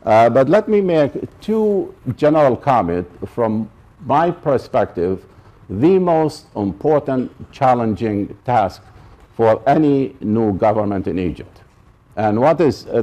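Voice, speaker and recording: This is a mellow, medium-pitched man's voice, an Iraqi professor giving a public talk at a college. He emphasizes and repeats his main points, pausing to confirm the audience is keeping up.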